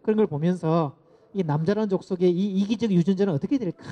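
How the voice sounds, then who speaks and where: A middle-aged man giving a lecture to parents, lively and asking the audience to repeat phrases after him. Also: high-pitched, fast. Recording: dull lo-fi lecture recording.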